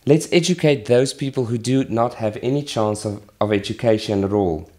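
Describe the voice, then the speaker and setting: A man's voice: mid-range voice, mellow. Earnest man making a charity appeal. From Malawi. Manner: earnest, measured, with pauses and restarts. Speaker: charity worker. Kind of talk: charity appeal with a plant demonstration.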